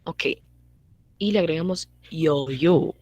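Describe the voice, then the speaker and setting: A young woman giving a casual online grammar lesson, repeating her points and checking in with quick tag questions. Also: deep voice, warm tone, no echo. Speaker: language teacher.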